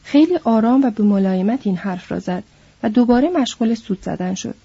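A woman reading a novel aloud as an audiobook narrator, in a measured, descriptive way. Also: fairly high pitch, animated, vocal fry, dark tone, breathy edge, dry recording. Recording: dull lo-fi recording.

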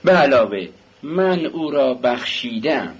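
A man reading an audiobook, voicing a bitter, sharp-tongued poor mother who is ill. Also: medium pitch, very animated, slightly rough, dull audio, voice pushed up.

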